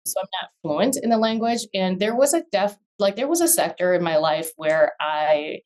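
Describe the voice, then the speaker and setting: This woman in her forties was born in Vietnam and grew up in the US. She appears as a real estate attorney guest in a casual interview, her mid-range, darkish voice animated at a moderate pace. She's thoughtful but fills her speech with fillers and restarts.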